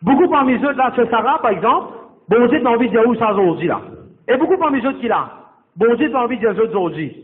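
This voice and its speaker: A man's voice: very high voice, big pitch swings, fast. A man pastor preaching a sermon, repeating his phrases and calling straight out to the congregation, with English words mixed into his speech. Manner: repetitive, exhorting, addresses the congregation directly. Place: church. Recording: tinny, echoey church hall sound.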